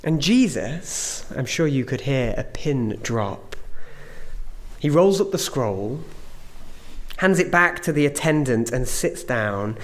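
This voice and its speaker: Slow-paced man preaching a sermon. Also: mid-range voice, expressive. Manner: measured, emphatic phrasing with pauses.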